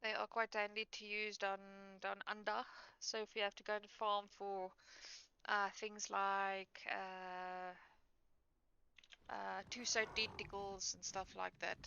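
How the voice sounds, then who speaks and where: A tired woman talks through her survival game, rambling with lots of fillers and stopping to correct herself. Her voice is bright and edged with gravelly fry. The recording is dull and lo-fi, with a faint hiss underneath. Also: mid-range voice, level tone, slow. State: tired, yawning. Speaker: gaming streamer. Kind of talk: casual gameplay commentary. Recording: dull lo-fi mic with faint noise.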